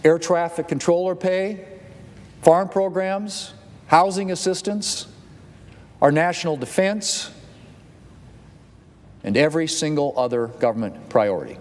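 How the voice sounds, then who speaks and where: A man's voice: fairly high pitch, darkish tone. Man giving a speech in a reverberant chamber. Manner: deliberate, emphatic listing. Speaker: politician giving a floor speech. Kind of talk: formal speech.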